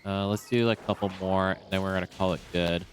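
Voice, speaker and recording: A young man in a relaxed, rambling style, commenting casually as he streams a game and talking to himself with many fillers. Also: low-pitched, fast, slight background noise.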